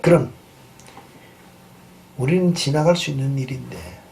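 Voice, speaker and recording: A male pastor preaching a sermon and telling a story, swinging between loud emphatic bursts and quiet asides. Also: mid-range voice, a little slow, creaky. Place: church sanctuary. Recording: distant mic with faint background noise.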